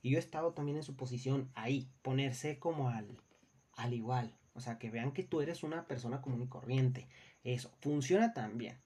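A man's voice: mid-range voice, moderate pace, a little mellow, husky. A young man with a Mexican Spanish accent, casually telling stories from his customer service job, acting out what people said and swearing freely. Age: young adult. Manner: acts out customers and coworkers in quoted voices. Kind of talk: casual storytelling monologue.

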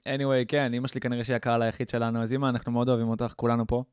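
Young male podcast co-host, slightly low voice, dry close sound, teasing banter. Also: level tone, darkish tone, clear, resonant tone, dry recording. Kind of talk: casual banter.

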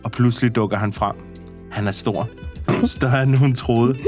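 A man's voice: mid-range voice, fairly even intonation, darkish tone, faint music behind. A man reading a story aloud to a co-host, often breaking into laughter and adding comments. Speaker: podcast co-host.

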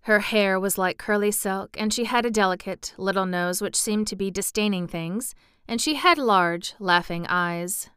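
A woman reads a storybook aloud in an expressive way. Her voice is bright and very clear, at an ordinary middle pitch. The recording is clean and dry, with no room sound around it. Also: normal speed, dry recording. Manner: expressive reading with brief asides. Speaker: audiobook reader. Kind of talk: storybook narration.

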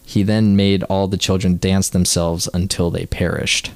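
Guy with a really deep voice reading fun facts off notes, dry close sound, trips on words sometimes. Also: little pitch movement, a little slow, vocal fry, darkish tone, no echo. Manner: reads facts aloud, trips over words. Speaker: podcast co-host. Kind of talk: casual chat, reading trivia notes.

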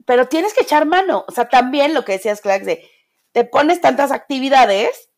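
A woman's voice: sits high, lively intonation, moderate pace. A woman with a Mexican accent in casual conversation, talking in a reassuring, friendly way. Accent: Mexican Spanish. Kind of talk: casual chat.

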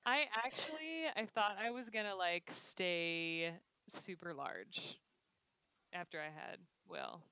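A woman's voice: fairly low pitch, animated, takes it slowly, pushed and bright, clean tone, no echo, poor audio. A young adult woman co-hosting a podcast, talking candidly and casually with lots of "like" fillers. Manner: candid, chatty, full of "like" fillers. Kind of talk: casual chat.

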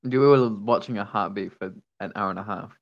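A teenage man, co-hosting a casual podcast with quick, teasing interjections over an online call. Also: on the low side, gravelly, dull audio. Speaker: podcast co-host. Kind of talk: casual chat.

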